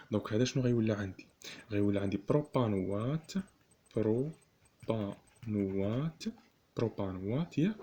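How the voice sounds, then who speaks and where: A male teacher with a Moroccan Arabic accent works through a chemistry lesson, saying every term two or three times and quizzing the class. His voice sits low and sounds dark and mellow. A faint hiss runs under the recording. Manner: repeats each term slowly, asks rhetorical questions. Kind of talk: classroom lesson explaining notation.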